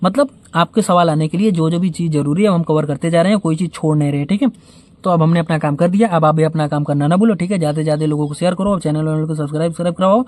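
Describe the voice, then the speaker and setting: A man's voice: a little high, racing, darkish tone. A man teaching a school maths lesson, explaining step by step, asking rhetorical questions and encouraging his students in a casual way. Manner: encouraging, informal sign-off.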